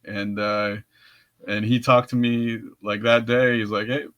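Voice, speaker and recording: A man's voice: lowish voice, little pitch movement, unhurried, a bit bright, dry recording, highs cut off. A man co-hosting a podcast, telling a story in casual chat with frequent laughs and restarts. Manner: laughs often, many restarts. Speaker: podcast co-host.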